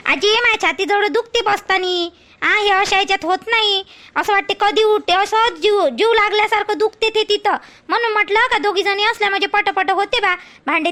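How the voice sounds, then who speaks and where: A woman with a rural Maharashtra Marathi accent plays a wife in a village family skit. She sounds exasperated and complaining. Her voice sits very high, bright and sharp. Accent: Marathi dialect of rural Maharashtra.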